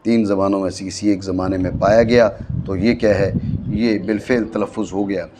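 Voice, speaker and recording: A man with a Pakistani Urdu accent teaching a classroom grammar lesson, explaining slowly and often checking that his students follow. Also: lowish voice, steady tone, background noise. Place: madrasa classroom.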